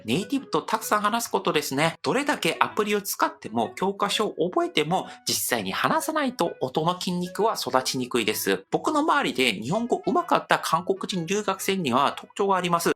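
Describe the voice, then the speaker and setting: A man's voice: sits high, a little fast, hardly any pauses. A man from Seoul with a Korean accent, a native Korean speaker, hosting a language-learning video and explaining with demonstrative examples. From Seoul, South Korea. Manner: lively, animated delivery with demonstrative examples. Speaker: host.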